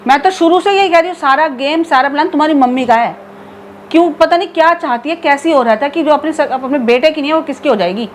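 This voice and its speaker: Scolding high-voiced woman, faint noise. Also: fast talker. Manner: scolding, insistent, complaining. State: in pain from a sore leg. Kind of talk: scripted family drama vlog.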